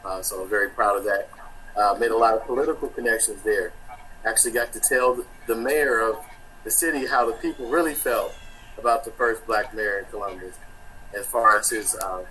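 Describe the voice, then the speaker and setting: A man who used to be a radio host introduces himself as a panel guest over a video call. His voice is low but bright and forceful. He speaks with a practiced on-air flow, broken by uh fillers and the odd repeated word. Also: steady tone, moderate pace, a little hiss or hum, poor audio. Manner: fluent on-air delivery with uh fillers and repeated words. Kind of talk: self-introduction in a panel discussion.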